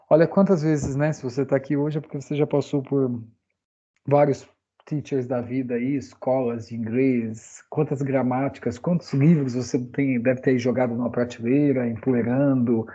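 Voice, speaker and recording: A Brazilian man gives a casual online English lesson, talking in a loose, chatty way and checking in with his listeners often. His voice is dark and mellow. The recording sounds a little dull and lo-fi. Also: medium pitch. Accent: Brazilian Portuguese. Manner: chatty, frequent "né?" tag questions. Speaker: English teacher.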